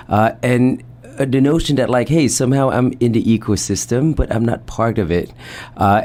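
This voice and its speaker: A man from Vietnam who grew up in the US, answering interview questions as a founder in a thoughtful, measured way. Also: lowish voice, mellow. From Vietnam, raised in the US Bay Area. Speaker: guest, company founder.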